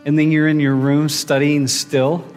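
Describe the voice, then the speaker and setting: A man's voice: fairly high pitch, flat delivery, measured pace, smooth. A man lecturing as a professor, quizzing students directly and often restarting his sentences. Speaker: university professor. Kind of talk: classroom lecture. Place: large lecture hall. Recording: reverberant lecture hall with background music.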